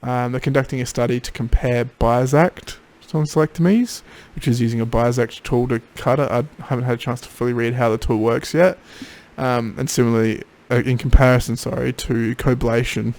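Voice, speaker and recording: A man records a casual diary while recovering from throat surgery. His mid-pitched voice is gravelly with fry. He sounds tired and drowsy, with little energy in his delivery. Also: steady tone, fairly quick, hardly any pauses, darkish tone. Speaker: patient keeping a recovery video diary. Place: home office.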